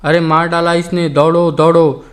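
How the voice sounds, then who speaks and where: A man's voice: on the high side, fairly even intonation, moderate pace, a bit bright, natural voice. A man voicing a frail, sickly old Englishman who whines tearfully and pants for breath, in an audiobook. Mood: panicked.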